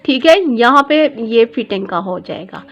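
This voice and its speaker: A woman's voice: on the high side, animated, moderate pace, highs cut off. A woman, a dress designer teaching pattern drafting step by step, patiently repeating every measurement. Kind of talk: step-by-step sewing tutorial.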